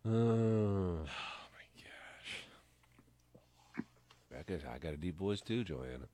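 A middle-aged man with a low voice and lively intonation hosts a radio morning show at a slow pace. He banters casually and tells stories, his jokes trailing off quietly. He's recorded in a radio studio on a studio microphone.

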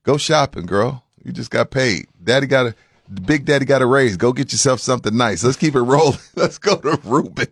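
A man's voice: medium pitch, expressive, brisk, husky, no echo. A man hosting sports talk radio, loose and opinionated, circling back to his points to drive them home. His voice sits in the middle range and comes through a close studio mic with a dry, deadened sound. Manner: opinionated, casual, repeats himself for emphasis.

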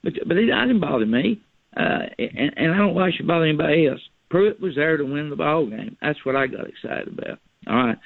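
A man's voice: medium pitch, vocal fry, no room sound. A man, calling in to a sports radio show over the phone, talking in a folksy, worked-up, rambling way. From East Tennessee. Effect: heard over a phone line on a call-in radio show. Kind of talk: call-in radio chat. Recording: tinny phone line, dry.

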